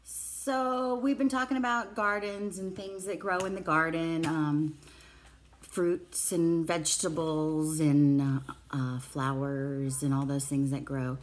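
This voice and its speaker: A middle-aged preschool teacher reads a picture book aloud to young children in a small indoor classroom, using simple phrases and asking her listeners questions. Her voice is low, flat and slow, picked up by a phone or tablet held at arm's length.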